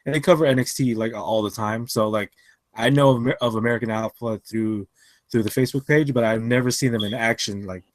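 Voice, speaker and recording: A man's voice: mid-range voice, fairly even intonation, brisk, no echo. A man co-hosting a casual podcast chat, tired after a long work shift, rambling with lots of fillers and restarts. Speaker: podcast co-host.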